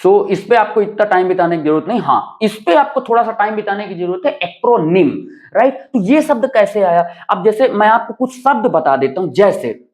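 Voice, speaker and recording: A man's voice: high-pitched, lively intonation, moderate pace. A man teaching a vocabulary lesson, explaining word roots step by step, often checking in with a rising "right?" and mixing in English terms. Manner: addresses viewers fondly as children.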